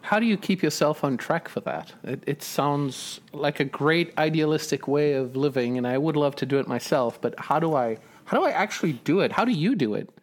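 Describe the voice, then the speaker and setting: A man hosts a podcast interview in a relaxed, conversational way. He leads into his questions with a loose setup and plenty of ums. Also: a little high, brisk, hardly any pauses. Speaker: podcast host.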